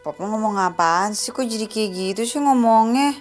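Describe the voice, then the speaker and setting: An actress playing a young university student who is spoiled, sharp-tongued and whiny. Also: female voice, medium pitch, expressive, normal speed, faint music behind, natural voice. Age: young adult. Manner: snappy, whiny, casual slang.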